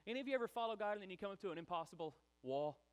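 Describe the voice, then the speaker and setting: Animated high-voiced male preacher. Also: racing, clear, resonant tone. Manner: animated, acts out quoted voices, chatty asides. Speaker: pastor. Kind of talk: sermon.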